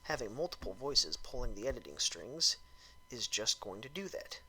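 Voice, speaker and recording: Reading a written film review aloud for comic effect, a performer lays on exaggerated emphasis, and some of his phrases trail off into breathiness. His medium-pitched voice is sing-song and sharp, moving at a normal speed.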